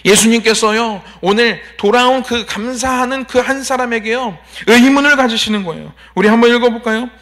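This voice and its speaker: High-voiced man preaching a sermon. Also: brisk, hardly any pauses, a bit bright. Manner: personal storytelling with emphatic polite endings and rhetorical questions. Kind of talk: evening church sermon. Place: church sanctuary.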